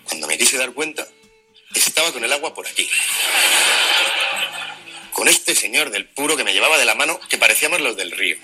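A man telling a stand-up comedy story, animated, with deadpan asides. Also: medium pitch, fairly quick, long pauses, soft background music, rough recording.

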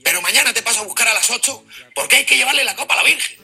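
A man voicing an exuberant older male football fan who talks loud and hearty. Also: very high voice, animated, very fast, slightly rough, pitched above the performer's own voice, full character voice. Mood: jubilant.

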